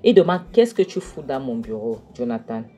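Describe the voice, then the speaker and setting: A woman voicing an angry male boss who sternly orders an intruder out of his office, in a low voice. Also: sing-song, normal speed, mellow, husky, soft background music, exaggerated voice. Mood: stern, commanding. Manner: stern, repeating the demands.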